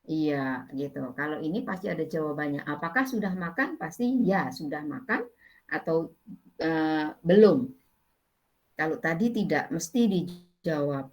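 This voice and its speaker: A woman's voice: low voice, expressive, unhurried, rough recording. A middle-aged woman lecturer with an Indonesian accent, patiently explaining English grammar to her class with many fillers. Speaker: university lecturer.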